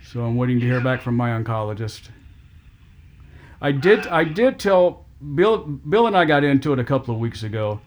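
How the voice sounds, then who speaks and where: A middle-aged man talking with family, halting and often repeating words as he restarts his sentences. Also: medium pitch, very animated. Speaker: family caregiver on a call. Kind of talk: emotional family phone conversation.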